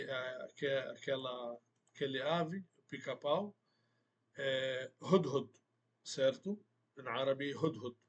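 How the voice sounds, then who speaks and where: Slow, deliberate man teaching a lesson. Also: fairly high pitch, husky. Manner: slow, deliberate, repeats words for emphasis. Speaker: Arabic teacher. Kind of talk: language lesson.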